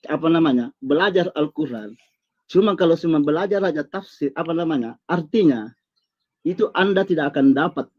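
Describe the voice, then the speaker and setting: A man's voice: on the high side, muffled recording. A man defending his view in a heated online debate, asking for time to explain, from Indonesia. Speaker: Islamic teacher in debate.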